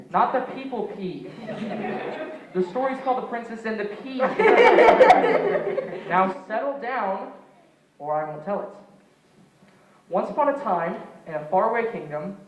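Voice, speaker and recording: A man's voice: sits high, lively intonation, a little slow, long pauses, lo-fi sound, crowd noise. A man acting a tired father coaxing his children to bed in a school stage play, with an exasperated, pleading way of talking. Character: weary young dad putting kids to bed. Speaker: stage actor. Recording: echoey stage from far off, noise.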